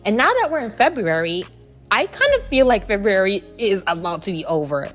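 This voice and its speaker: A woman's voice: mid-range voice, sing-song, fairly quick, fairly bright tone, soft background music. A woman hosting a casual, reflective solo podcast, speaking candidly and conversationally, with slightly muffled articulation from braces. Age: adult. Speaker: podcast host.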